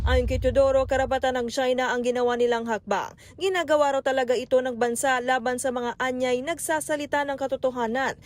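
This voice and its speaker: A woman news reporter giving a steady, formal voice-over report. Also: a little high.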